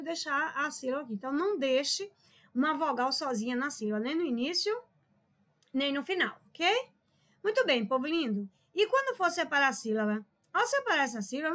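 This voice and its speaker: Woman, 40s, high voice, teacher, online lesson, chatty, emphatic, scolding. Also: fairly bright tone. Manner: chatty, scolding, emphatic, calls viewers "povo lindo".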